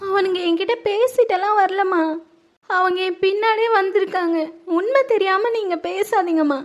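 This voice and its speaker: A woman's voice: very high voice, normal speed. A woman in a home-made family skit, playing a scared young college girl who pleads with her mother. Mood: scared, pleading. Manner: timid and pleading.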